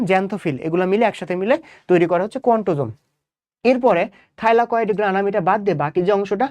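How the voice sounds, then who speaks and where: A young Bangladeshi man with a Bangladeshi Bengali accent speaks in a high-pitched, darkish voice, recorded dry. As a biology tutor running an exam-prep lesson, he repeats key points and tests students with rhetorical questions.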